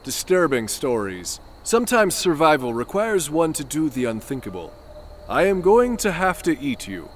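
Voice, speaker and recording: An actor playing a vain, melodramatic gentleman space adventurer in a comic sci-fi audio drama, speaking in a florid, theatrical way. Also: on the high side, very animated, normal speed, a little hiss or hum. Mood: melodramatic despair. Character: pompous, self-proclaimed dashing male space adventurer, vain and melodramatic.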